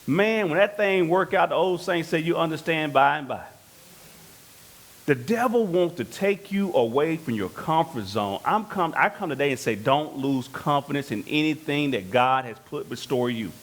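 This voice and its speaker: A man's voice: a little high, lively intonation, normal speed. A man preaching a sermon in church, calling questions out to the congregation and telling stories. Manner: preaching with calls to the congregation, storytelling. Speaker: pastor.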